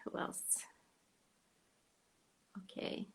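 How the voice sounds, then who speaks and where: Speaking extremely slowly, an American woman chats casually while hosting a fan club live stream over a video call, sometimes trailing off into soft whispers.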